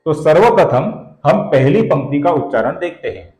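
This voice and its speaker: A man teaching the pronunciation of verses, speaking slowly and deliberately and stretching out syllables, and addressing viewers as friends. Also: a little high, animated, darkish tone, roomy sound, poor audio. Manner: slow and deliberate, stretching out syllables when he chants. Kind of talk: slow, careful recitation lesson.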